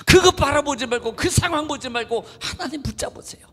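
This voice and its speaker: A man preaching a sermon as a pastor, animated and swinging between low murmurs and raised exclamations. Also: a little fast. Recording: long hall reverb.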